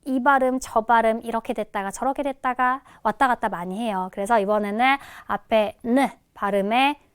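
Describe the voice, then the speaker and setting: A woman teaching English listening in a recorded lecture, addressing students casually and modelling each word's pronunciation slowly. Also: on the high side, clear, resonant tone, no room sound, clean studio sound.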